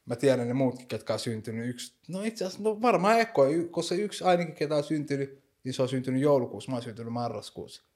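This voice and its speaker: A man's voice: medium pitch, expressive, a little mellow. Casual young man in slangy chat, mixes in English phrases, keeps on going. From Finland. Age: young adult. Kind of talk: casual conversation.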